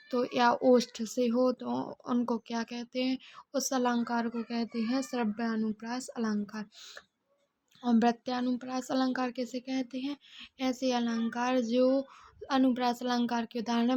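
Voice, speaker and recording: Flat-toned woman teaching Hindi grammar. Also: fairly high pitch, highs cut off, slight background noise. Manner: explains by asking and answering her own questions. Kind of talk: exam revision lesson.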